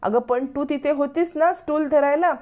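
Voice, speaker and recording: A woman's voice: sits high, normal speed, a little mellow, pitched above the performer's own voice, close to an everyday voice. A woman voicing a fussy, overprotective middle-aged mother-in-law who scolds with a raised voice in a retold family serial. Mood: scolding.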